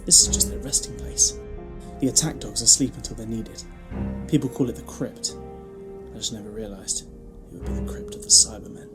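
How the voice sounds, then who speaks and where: An actor in an audio drama playing the Doctor, a brisk, grave and protective time traveller who speaks with urgent emphasis. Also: medium pitch, over loud music, close to an everyday voice.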